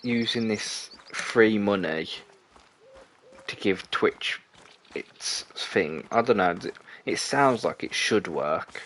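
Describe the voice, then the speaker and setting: A man's voice: lowish voice, animated, slow pace, fairly bright tone. A young man streaming a hunting game, rambling and chatty as he talks to his viewers, often correcting himself mid-sentence. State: out of breath. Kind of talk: casual gameplay commentary.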